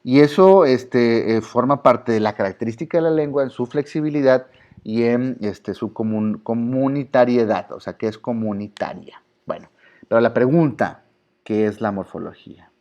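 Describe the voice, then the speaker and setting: A man's voice: mid-range voice, moderate pace, a little mellow. Man teaching, filler-heavy explaining. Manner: explanatory, with frequent "este" fillers and self-corrections. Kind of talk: recorded online lesson. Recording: slightly dull lo-fi audio.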